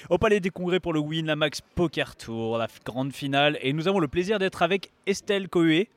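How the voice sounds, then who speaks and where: A man's voice: a little high, brisk, dry recording. Male poker-radio host: loose, jokey, rambling delivery. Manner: joking, rambling, many restarts. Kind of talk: casual interview hosting.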